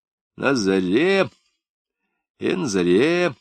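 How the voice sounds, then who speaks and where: A man reading an audiobook voices a dazed young man who slowly repeats the same words over and over. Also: mid-range voice, big pitch swings, vocal fry, no room sound, heavily acted. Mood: muttering. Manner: slow, mumbling repetition.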